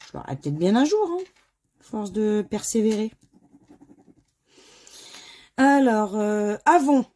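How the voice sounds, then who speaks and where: A woman from France commenting as she scratches lottery tickets, spelling out letters one by one in a slightly hoarse voice. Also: medium pitch, big pitch swings, takes it slowly, darkish tone. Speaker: scratch-card video host. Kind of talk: casual scratch-card commentary.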